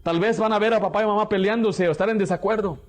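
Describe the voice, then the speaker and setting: A man preaching a radio sermon, animated and acting out quoted parents and children. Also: high-pitched, fast.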